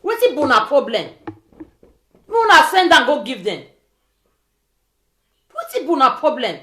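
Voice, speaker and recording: Speaking at normal speed in a high, very animated voice, a woman with a West African accent rants informally in pidgin like a social media vlogger. She scolds and keeps hammering rhetorical questions, her voice echoing around a roomy space.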